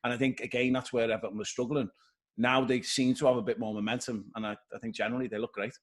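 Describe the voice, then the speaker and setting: A man talks football on a podcast in a mid-range voice that sits right in the middle of the usual range for men. His delivery is analytical and unhurried as he walks through tactics in easygoing chat. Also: medium pitch, flat delivery. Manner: analytical, explains tactics at length. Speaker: podcast co-host.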